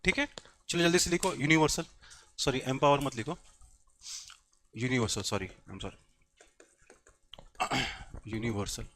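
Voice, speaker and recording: Bright-voiced man teaching a class. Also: fairly high pitch. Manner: quizzes the class and repeats key points; switches between Hindi and English mid-sentence. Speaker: exam coaching teacher. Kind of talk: classroom lecture.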